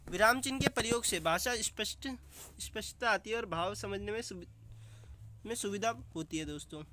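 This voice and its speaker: A man's voice: sits high, moderate pace, sharp tone. A man teaching an online exam-prep lesson, calling his viewers friends and explaining with examples.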